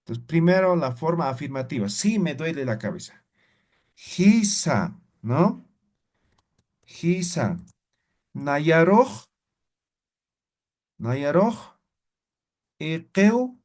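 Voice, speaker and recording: Slow, patient male teacher with a lively voice. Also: on the high side. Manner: patient, checks in with frequent tag questions; repeats each example word slowly. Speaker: language teacher. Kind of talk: live class explanation.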